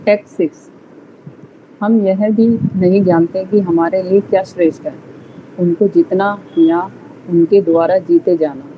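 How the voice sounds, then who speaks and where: A group member reading scripture verses aloud in a steady, measured way, announcing each verse number first. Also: medium pitch. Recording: phone-like sound with faint noise.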